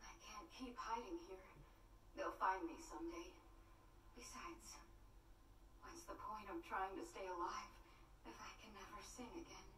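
Actress playing a haunted young singer girl, soft and wistful, distant echoey TV sound with music under it. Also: mid-range voice, steady tone, a little slow, long pauses, slight background noise, lightly acted. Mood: despairing. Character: sad young female singer, gentle, haunted. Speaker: anime dub actress.

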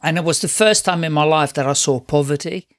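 A middle-aged Dutch man shares his own story as a podcast guest in a casual interview. His voice is a little high for a man and a little fast, and he rambles warmly and chattily from point to point, often restarting sentences.

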